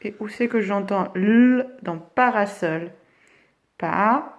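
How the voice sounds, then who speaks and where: A woman teacher giving a phonics lesson to young children, stretching each word slowly as she says it. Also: mid-range voice, lo-fi sound. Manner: slow, drawn-out words for children.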